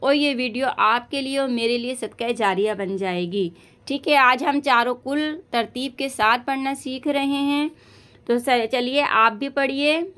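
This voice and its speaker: Slow, high, bright-voiced woman teacher. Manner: patient, repeats "theek hai" often, recites verses slowly and stretched. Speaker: Quran recitation teacher. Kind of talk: online recitation lesson.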